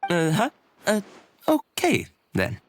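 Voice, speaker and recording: A woman's voice: fairly low pitch, huge pitch swings, slow, a little hiss or hum, full character voice. A woman voicing a courteous but skeptical toy seller in a video game, with a doubtful, polite manner. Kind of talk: video game character dialogue.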